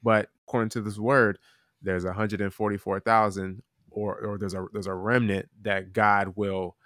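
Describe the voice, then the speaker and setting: A man talking earnestly about end times in a casual Bible chat, halting with many restarts. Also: lowish voice, a bit bright, no room sound, studio quality.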